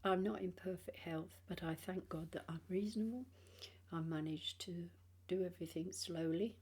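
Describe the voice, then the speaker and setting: An older British woman, in her sixties or beyond, chatting casually and haltingly in a personal vlog, sounding tired, with speech affected by missing front teeth. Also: on the low side, darkish tone, husky. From England. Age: 60s or older. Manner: halting, rambling, trailing phrases.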